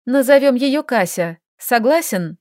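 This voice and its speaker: A woman voicing a stubborn, feisty young heroine who bickers and exclaims in quick, sharp lines, read from an audiobook. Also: a little high, animated, no echo, studio quality.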